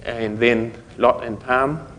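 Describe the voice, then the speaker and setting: A man's voice: mid-range voice, fairly even intonation, slow pace, a bit bright, long reverb tail, slight background noise. A man giving a conversational conference talk, explaining things step by step. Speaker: conference speaker.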